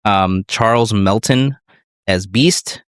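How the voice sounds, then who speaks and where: A man's voice: on the low side, slow, a bit bright, smooth, no room sound, clean studio sound. A man co-hosting a podcast in casual chat, rambling and hesitant with many fillers. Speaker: podcast co-host.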